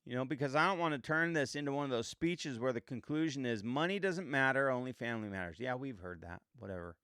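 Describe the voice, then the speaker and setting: A man's voice: medium pitch, lively intonation, quick pace, pushed and bright, clear, resonant tone, no room sound, clean studio sound. A man in his fifties hosting a reflective motivational monologue, earnest and emphatic, repeating points and asking rhetorical questions. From United States. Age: 50s. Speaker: podcast host.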